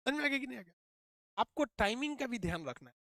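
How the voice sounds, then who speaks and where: A man teaching physics, talking rapidly, repeating points and quizzing his students. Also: very high-pitched, animated, creaky, bright, forceful tone, dry recording, clean studio sound. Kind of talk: animated classroom lecture.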